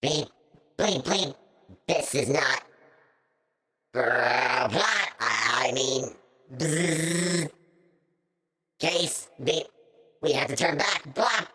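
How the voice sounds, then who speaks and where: A woman's voice: deep voice, expressive, extremely slow, long pauses, bright, forceful tone, breathy edge, exaggerated voice. A woman voicing a nervous clown robot sidekick in a video game, glitching and blurting beeps and error calls between jittery, fearful words. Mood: glitchy panic.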